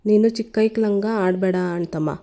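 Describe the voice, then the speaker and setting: A woman's voice: mid-range voice, normal speed, warm tone, natural voice. A woman voicing a man's friend who scolds and consoles him. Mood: chiding.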